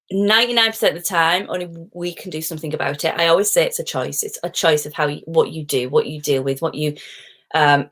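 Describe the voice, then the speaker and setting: Hosting a casual live stream, a middle-aged positivity coach chats and digresses freely, laughing often. Her voice is low but fairly bright in tone.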